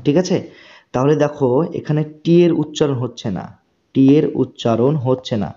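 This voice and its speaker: A man with a warm, medium-pitched voice teaches spoken English slowly and patiently, with lo-fi sound. He repeats each word and often checks that the learner understands.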